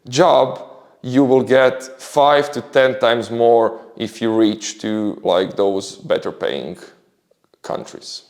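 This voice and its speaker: A medium-pitched man from Croatia, a creator, delivers a casual monologue of career advice. He's upbeat and enthusiastic, explaining things as he goes.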